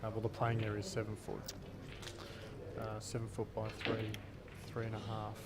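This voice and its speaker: A man's voice: on the low side, completely flat delivery, moderate pace. A man giving casual, joking live pool commentary, often stumbling over his words. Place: busy pool venue. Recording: loud crowd noise in a venue. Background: loud crowd chatter.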